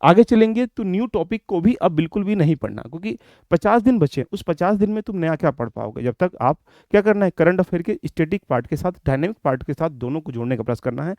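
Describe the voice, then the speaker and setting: A man's voice: a little high, expressive, fast, darkish tone, dry recording. A man giving a direct, instructive lecture on exam strategy to his students. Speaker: exam coaching teacher.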